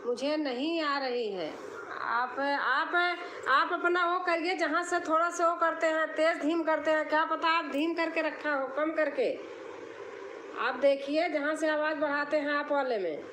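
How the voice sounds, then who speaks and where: A woman talks slowly into her phone on a casual live stream, calling out viewers by name as she reads their comments. Her voice is high-pitched. The room is echoey and there is clear background noise. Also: steady tone, a bit bright. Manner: slow, chatty, greets viewers by name.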